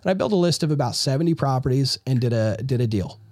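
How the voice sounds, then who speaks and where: A man's voice: mid-range voice, expressive, fast talker, darkish tone, dry recording, studio quality. A man telling his business story as a guest in a casual interview, talking energetically and often restarting his phrases. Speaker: real estate investor guest.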